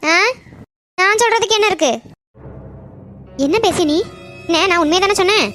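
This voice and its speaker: A woman's voice: very high-pitched, moderate pace, faint music behind. A woman voicing a sulky, greedy mother in a cartoon who grumbles over a match. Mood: grumbling. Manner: grumbling, sharp retorts.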